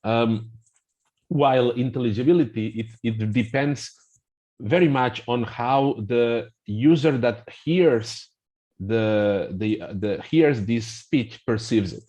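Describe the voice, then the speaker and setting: Slow-paced and darkish in tone, this mid-range male voice belongs to a middle-aged Spaniard with a Spanish accent. He's a language app representative on as a guest, and his explanations come out hesitant and conversational, with plenty of fillers and restarts.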